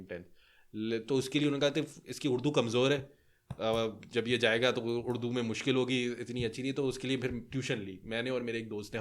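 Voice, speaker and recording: Man, young adult, from Pakistan, podcast co-host, casual rambling chat, lots of fillers. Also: medium pitch. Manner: relaxed, rambling storytelling with many fillers.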